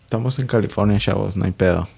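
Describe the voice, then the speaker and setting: A man's voice: on the low side, fast, vocal fry, a little mellow, breathy edge. A young man with a Mexican Spanish accent chatting casually about soccer, joking and swearing in heavy slang.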